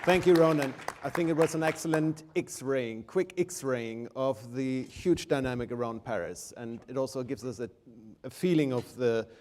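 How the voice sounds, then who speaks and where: A man's voice: medium pitch, a little mellow. A man moderating a conference panel, thanking speakers and introducing the next one politely.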